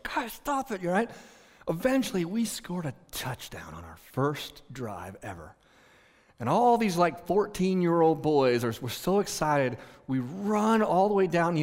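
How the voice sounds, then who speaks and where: Male pastor, animated conversational preacher; slightly high voice, long hall reverb. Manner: animated, storytelling, many restarts, conversational. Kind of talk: sermon with storytelling.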